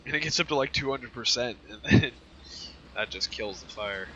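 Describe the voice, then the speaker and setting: A man giving casual game commentary, rambling and thinking aloud, with train engines rumbling behind him. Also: lively intonation, moderate pace, dull audio. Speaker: gamer showing a train simulator. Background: loud train simulator engine noise.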